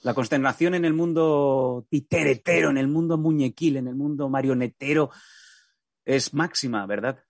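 A man's voice: mid-range voice, moderate pace, creaky, dry recording, clean studio sound. A man hosting a comedy show, rambling in mock-solemn tones with plenty of stops and restarts. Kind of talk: casual comic banter.

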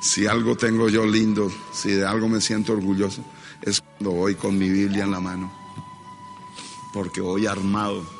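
A man's voice: fairly low pitch, flat delivery, normal speed, gravelly, long reverb tail, faint music behind. A male pastor with a Colombian accent preaching in a church and leading the congregation in call-and-repeat. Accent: Colombian Spanish. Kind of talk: sermon.

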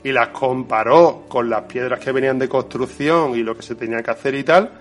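A man from Spain, co-hosting a casual podcast, telling lively stories about his effects work, swearing freely and laughing often. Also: medium pitch, brisk. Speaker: podcast co-host, creature effects painter. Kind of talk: casual podcast chat, storytelling.

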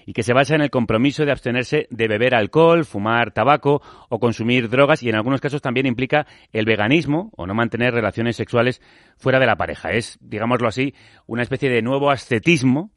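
A man hosting a radio discussion, introducing guests in a measured, formal way. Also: mid-range voice, dry recording, clean studio sound. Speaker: radio host.

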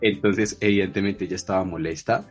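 A man's voice: low-pitched, steady tone, fairly quick, slightly rough, faint music behind. A man chatting casually, telling a story in a self-deprecating way. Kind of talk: casual chat.

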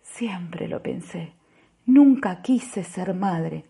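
A woman with an Argentine accent voicing a weary young pregnant woman who answers slowly in a hushed, half-whispered voice. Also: medium pitch, sing-song, slightly rough, exaggerated voice. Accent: Argentine Spanish.

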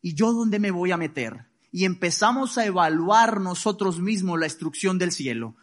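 Man, pastor, sermon, high-pitched, emphatic, calls for responses. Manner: emphatic preaching, calls for responses, varies volume widely.

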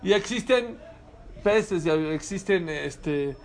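A man's voice: high voice, lively intonation, slow. A man preaching a sermon as a rabbi, telling stories and asking rhetorical questions with animation.

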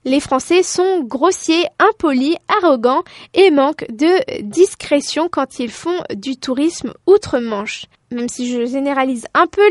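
Woman from France, radio host, high voice, dry close studio sound, scripted talk with many filler pauses. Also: dry recording. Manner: reads from script with frequent hesitant fillers.

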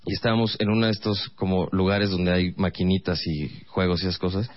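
A man with a Mexican Spanish accent doing stand-up comedy, telling stories in fast, rambling bursts with laughing asides. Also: sits low, flat delivery, lo-fi sound.

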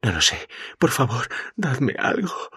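A man's voice: extremely low pitch, expressive, a little slow, pushed and bright, slightly rough, full character voice. A man voicing a terrified, strung-out male drug dealer who screams and begs in panic. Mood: panicked begging.

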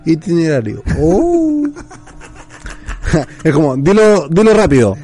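A man's voice: fairly high pitch, lively intonation, moderate pace, warm tone, faint music behind. A man with a Chilean accent co-hosting a podcast in casual late-night chat, emphatic and teasing, full of slang and swearing. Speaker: podcast co-host.

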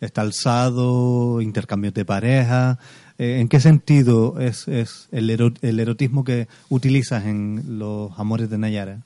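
A man co-hosting a radio interview, asking probing questions in a halting way. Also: medium pitch, fairly even intonation, mellow, no room sound, studio quality. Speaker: radio co-host.

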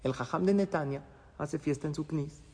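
A man's voice: a little high, moderate pace, darkish tone, husky. A man, a rabbi giving a religious class and telling stories dramatically, with Hebrew terms mixed in. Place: synagogue hall. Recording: long hall reverb.

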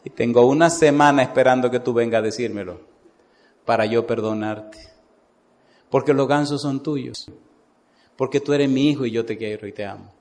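A man voicing a gentle, forgiving mother who speaks softly and tenderly to her son in a sermon story. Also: moderate pace, pauses often, close to an everyday voice. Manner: soft, tender, lowered voice. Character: gentle forgiving mother, middle-aged woman.

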